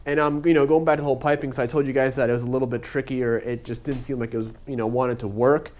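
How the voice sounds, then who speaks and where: Recorded on a head-mounted action camera in a garage, a man narrates his car build while working, in a casual how-to style. His mid-range voice is steady and darkish, congested and slightly nasal, and he races along. He's laid-back and rambling, leaning heavily on filler words.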